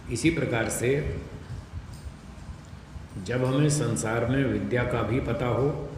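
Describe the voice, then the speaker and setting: Slow-speaking male teacher in echoey hall. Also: mid-range voice, darkish tone, slight background noise. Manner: slow, deliberate explanation with repetition. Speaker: religious teacher. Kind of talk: scripture class lecture. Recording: echoey hall with long reverb.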